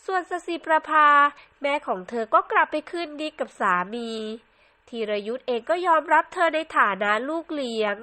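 A woman reading a storybook drama aloud in a soft, even storytelling manner. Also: high-pitched, normal speed. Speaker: audio novel narrator. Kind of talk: scripted storytelling narration.

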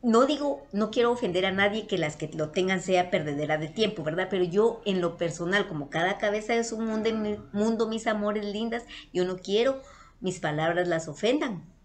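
A Guatemalan woman speaks straight to her followers in a relaxed vlog. Her telling is earnest and affectionate, and she circles back over her own phrases. Her pitch sits in a middle range for a woman. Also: normal speed. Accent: Guatemalan Spanish. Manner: affectionate, earnest, repeats herself, addresses viewers as "my loves". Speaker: vlogger. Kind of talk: casual storytelling to viewers.

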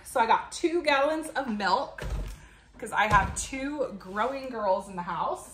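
This thirty-something mom shows off her grocery haul to camera from her kitchen, talking casually as she explains things. Her voice is on the high side, expressive and a bit bright, at a measured pace; the camera sits a few feet off, and the room is echoey with noise, clicks and rustling.

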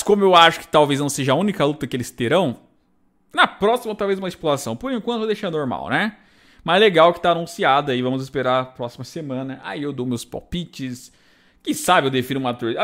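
A man's voice: on the high side, animated, quick pace, sharp tone. A Brazilian man casually recapping wrestling shows, chatty and full of rhetorical tag questions. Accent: Brazilian Portuguese. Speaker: wrestling YouTuber.

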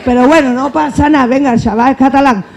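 A woman's voice: high-pitched, fast. A woman with an Andalusian accent, an actress and comedian on a panel, telling anecdotes with laughter and acting out dialogue. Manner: laughing, expressive, acts out dialogue. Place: book fair hall.

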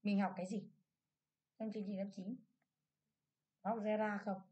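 A woman English teacher with a Vietnamese accent, going through an exam in a brisk review lesson and asking many checking questions. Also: mid-range voice, little pitch movement, dark tone, husky, muffled recording.

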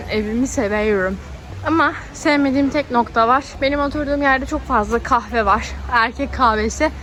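High-voiced blunt young woman vlogging. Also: background noise. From Bursa, Turkey. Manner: blunt, outspoken, swears freely. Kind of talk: casual chatty vlog.

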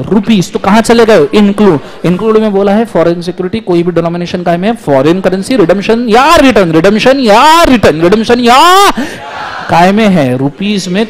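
A man lecturing a classroom on law in energetic Hindi with terms, often calling on students to answer aloud. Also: high-pitched.

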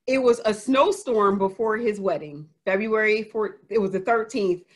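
A woman's voice: medium pitch, moderate pace. A woman author answering reader questions in a casual Q&A, telling a personal story candidly with frequent laughter. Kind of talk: casual live Q&A.

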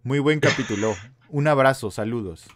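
A man's voice: medium pitch, normal speed. A Mexican man in his thirties co-hosting a casual podcast chat, joking around and reading listener comments aloud. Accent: Mexican Spanish. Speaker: podcast co-host.

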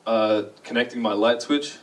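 An Australian man gives a casual conference talk in a large, dark lecture hall, his medium-pitched voice at a moderate pace picked up by a distant mic. He's chatty and self-deprecating and asks the audience questions.

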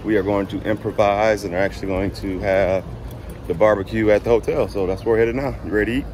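This easygoing father in his thirties vlogs a road trip on a phone camera held at arm's length, filming in the car, a hotel and outdoors. He chats to his son and repeats phrases, talking at a quick pace in a lowish, darkish voice with fairly even intonation, amid slight background noise.

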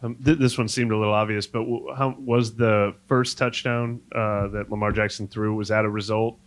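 A man's voice: fairly low pitch, flat delivery, moderate pace. A man, a reporter, asking the coach questions at a press conference in a plain, slightly hesitant way.

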